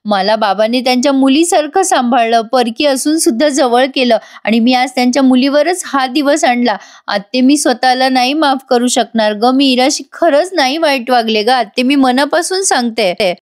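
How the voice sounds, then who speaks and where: A woman's voice: sits high, no echo, studio quality, close to an everyday voice. A woman voicing a remorseful young woman in a retold TV drama, in her own voice. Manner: apologetic, slow.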